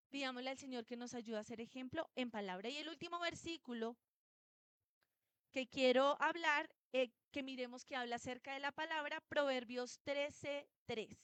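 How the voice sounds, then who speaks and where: A high, bright woman's voice, preaching in church. Her tone is clean and crisp, and the sound is dry with almost no room echo. She tells stories and asks the congregation questions as she goes. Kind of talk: sermon.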